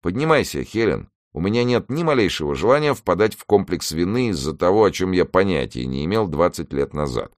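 A man's voice: deep voice, sing-song, a little fast, few pauses, no echo, clean studio sound, pitched above the performer's own voice. A man voicing a flustered, exasperated middle-aged man in an audiobook reading. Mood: weary.

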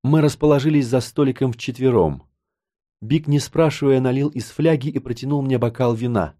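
A man narrating an audiobook in the first person, in a measured storytelling way. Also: mid-range voice, warm tone.

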